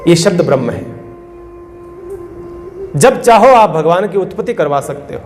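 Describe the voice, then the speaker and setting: Male saint preaching a dramatic story sermon, voice pitched high, faint music in the background. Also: lively intonation, a little slow, big-room sound. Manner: dramatic storyteller, acts out the characters' cries; addresses listeners with "है ना?" asides. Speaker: saint giving a religious discourse.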